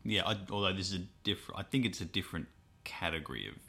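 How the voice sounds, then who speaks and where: A man in his thirties co-hosts a podcast in laid-back chat. He has a very low voice and mostly drops in brief, dry remarks. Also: expressive, fast, vocal fry, sharp tone. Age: 30s. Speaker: podcast co-host. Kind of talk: casual chat.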